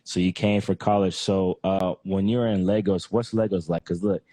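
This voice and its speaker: A man's voice: low voice, steady tone, normal speed, mellow, no echo. A man from Texas hosting a casual podcast interview, laid-back and friendly with lots of filler phrases. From Texas, United States. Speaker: podcast host.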